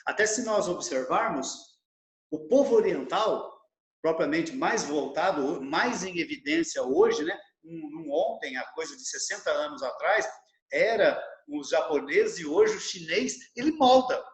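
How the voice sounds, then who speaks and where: Animated high-voiced man lecturing. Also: a little slow. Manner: animated, acts out little dialogues in his examples. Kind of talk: lecture over a video call. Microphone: video call microphone. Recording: roomy echo on a video call.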